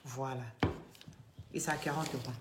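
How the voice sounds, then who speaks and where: With a bass voice at normal speed and a steady tone, a woman lectures emphatically and speaks directly to viewers during a live social media chat and product pitch. She is an online vlogger selling beauty products, and French is not her native language. The echoey room has a noisy background.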